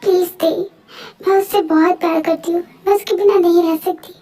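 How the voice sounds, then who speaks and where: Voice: very high voice, fairly even intonation, brisk, mellow. A dubber doing a tearful young bride. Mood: desperate. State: crying. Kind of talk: fan dub voice acting.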